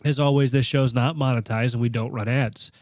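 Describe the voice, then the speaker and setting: A man's voice: medium pitch, fairly even intonation, a little fast, a little mellow, no echo, clean studio sound. A man hosting a podcast while sick, his voice nasal, with a joking, self-deprecating manner. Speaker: podcast host. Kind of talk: podcast intro.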